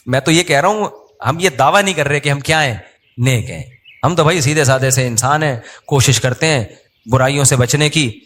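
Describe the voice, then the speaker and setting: A man with a Pakistani Urdu accent preaches a sermon to a seated audience. His voice sits a little high for a man. He talks in a casual, humorous way and acts out the words of the people in his stories. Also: fairly bright tone. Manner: conversational, humorous storytelling with acted quotes. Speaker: Islamic preacher.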